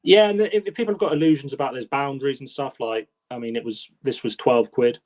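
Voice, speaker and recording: A man's voice: medium pitch, fast talker, darkish tone. A man, co-hosting a casual podcast chat, talking with enthusiasm and rambling restarts. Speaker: podcast co-host.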